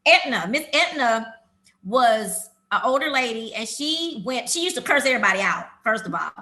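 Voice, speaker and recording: A woman in her fifties hosts a relaxed chat among friends. Her voice sits high and rings bright. She talks a lot and stays animated. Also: normal speed. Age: 50s. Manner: animated, talkative, laughs often. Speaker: host.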